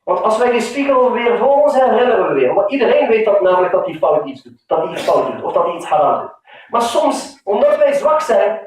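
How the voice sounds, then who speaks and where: A man preaching with strong emotion, his voice rising and dropping to a hush, with Arabic phrases woven into his talk. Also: high-pitched, sing-song, a little fast. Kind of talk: sermon. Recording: very echoey hall, mic far off.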